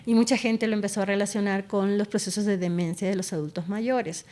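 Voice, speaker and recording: A woman's voice: medium pitch, steady tone, brisk, darkish tone. A woman neurologist, a guest in an interview, explains things and tells stories about her patients expressively. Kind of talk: conversational interview.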